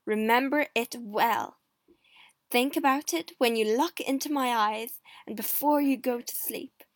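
A woman's voice: on the high side, a little slow, no echo, clean studio sound. A woman voicing a proud, outspoken young queen in an audiobook story, emphatic and commanding. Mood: cold, bitter.

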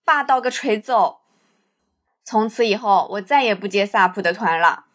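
A woman's voice: mid-range voice, animated, moderate pace, fairly bright tone. A woman voicing a plain-spoken, complaining male tour driver in a story, with colloquial, emphatic speech. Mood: exasperated. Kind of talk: acted quote in narrated story.

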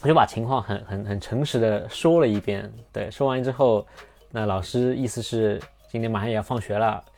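A man's voice: fairly low pitch, fairly quick, creaky, a little mellow. A young man hosting a podcast, telling a personal story in a casual, rambling way with many restarts and fillers. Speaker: podcast host.

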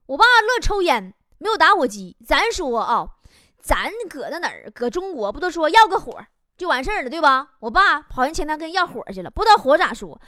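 A woman's voice: sits high, sing-song, fairly quick, pushed and bright, dry recording, studio quality. A young woman comedian with a Northeastern Mandarin accent, telling a stand-up monologue with dialect slang and chuckles. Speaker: talk show comedian. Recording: noisy recording with clicks.

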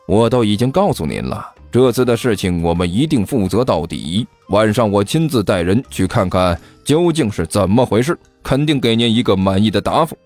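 A man's voice: expressive, normal speed, hardly any pauses, darkish tone, faint music behind, close to an everyday voice. A man voicing a greedy hired thug on the phone who fawns over his paying client. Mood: fawning. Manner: ingratiating, low, eager to please.

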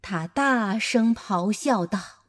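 Animated woman reading a children's story. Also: mid-range voice, slow. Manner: animated, playful.

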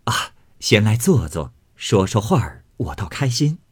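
A man voicing a sharp, domineering young noblewoman who runs the household, cold and scornful. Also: fairly low pitch, big pitch swings, unhurried, slightly rough, full character voice. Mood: pleasant. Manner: cold scornful sneering, scolding in outbursts.

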